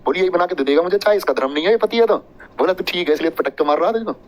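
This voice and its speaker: A man's voice: high voice, rapid-fire, poor audio. A man teaching an exam-prep class, joking and chatty, drilling points with repetition and mnemonic stories.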